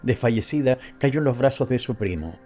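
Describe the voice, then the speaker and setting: A man narrating a classic short story in a measured, expressive reading. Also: mid-range voice, soft background music. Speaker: audiobook narrator.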